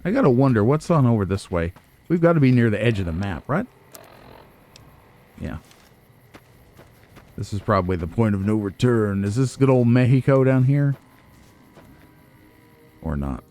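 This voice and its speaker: This warm-toned man speaks at medium pitch and normal speed, expressive but prone to long pauses. As a let's play host, he chats casually and muses aloud with wry asides while game music plays.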